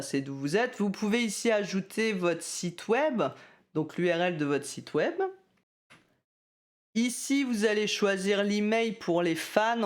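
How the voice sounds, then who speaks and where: A man walking through a music-selling site's settings in a casual screen-recorded tutorial, talking loosely with lots of hesitations and self-deprecating asides. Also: high voice.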